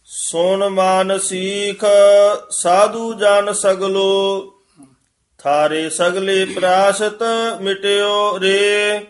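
A male student reciting scripture aloud in a measured chant. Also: high-pitched, little pitch movement.

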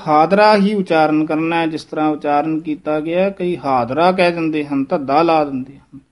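A man teaching the correct pronunciation of scripture, slowly repeating and demonstrating each word. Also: a little high. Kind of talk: pronunciation lesson.

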